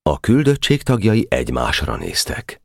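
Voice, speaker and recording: A man reading an audiobook with expressive storytelling, slowing down for quiet moments. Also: very deep voice, vocal fry, dry recording, clean studio sound. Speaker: audiobook narrator. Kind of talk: scripted audiobook narration.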